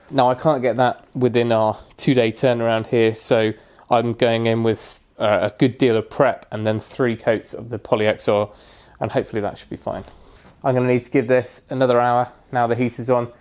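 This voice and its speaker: A man casually narrating a woodworking restoration project in a kitchen, talking through his steps in a relaxed, practical way with frequent pauses and fillers. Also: medium pitch.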